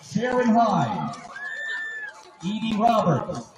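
A high-pitched man announces over the stadium loudspeaker in a measured, ceremonial manner. His voice booms back from across an outdoor field. A loud crowd murmurs all around. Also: sing-song, music in the background. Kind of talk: formal public-address announcement. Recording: echoey loudspeaker from far off, crowd noise.

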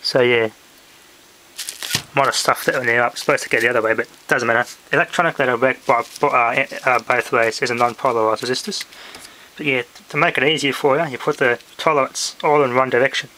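A man walks through a hobby demonstration in a room at home, relaxed and thinking aloud while recording on a handheld camera or phone. He speaks a little fast at medium pitch, with a steady tone that's pushed and bright. The audio is noisy and clicky, typical of handheld home video.

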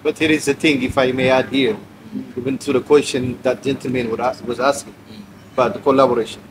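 A man's voice: mid-range voice, little pitch movement, brisk. A middle-aged man from Eritrea, a lounge owner giving earnest, rallying remarks at a press event. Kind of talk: impassioned speech-like remarks. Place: indoor lounge on a sofa. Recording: noisy room recording.

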